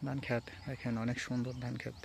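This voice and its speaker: Relaxed young man with Sirajganj accent. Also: mid-range voice, quick pace, gravelly, noisy background. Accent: Sirajganj regional Bengali. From Sirajganj, Bangladesh. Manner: relaxed, rambling, mixes regional and standard speech. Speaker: vlogger. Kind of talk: casual outdoor vlog chat. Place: outdoors by rice fields at dusk.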